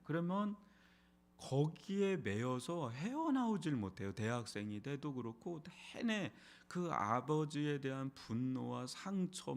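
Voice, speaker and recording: A middle-aged man, a pastor, preaching an early morning sermon in a church in a conversational way, with frequent rhetorical questions. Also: mid-range voice. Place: church sanctuary.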